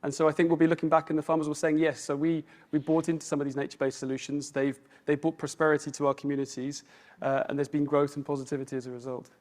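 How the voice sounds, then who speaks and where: Male panelist, slightly higher voice, rapid delivery, thinks aloud with "you know" and "right?". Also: little pitch movement, a little mellow. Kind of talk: conference panel remarks.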